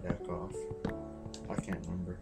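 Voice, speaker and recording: A man's voice: deep voice, monotone, moderate pace, vocal fry. A tired young man giving rambling, self-mocking, casually profane commentary while playing a game. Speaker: gaming channel host. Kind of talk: casual let's-play commentary. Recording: loud background music.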